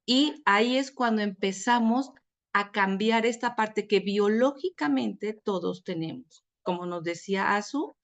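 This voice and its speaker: A woman, co-hosting a book discussion in an expressive teaching tone, often speaking to the listeners directly. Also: medium pitch, unhurried. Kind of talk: casual explanatory talk.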